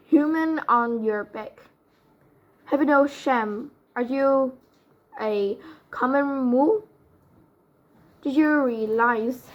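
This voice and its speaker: A woman's voice: a little high, highs cut off. A woman voicing an angry, proud male centaur in a storybook reading, with harsh, scornful delivery.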